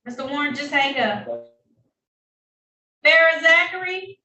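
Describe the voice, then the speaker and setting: A woman's voice: sits high, bright, forceful tone. Female judge in a courtroom recording. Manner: brisk, procedural, polite. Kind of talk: formal courtroom proceedings. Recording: echoey room heard from a distance, faint noise.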